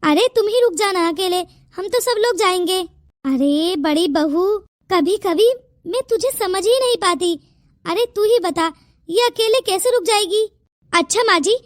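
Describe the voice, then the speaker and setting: A woman voicing the family of a cartoon story in quick, bickering domestic chatter. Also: very high voice, no echo, clean studio sound. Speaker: narrator voicing all family roles. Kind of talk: cartoon voice acting.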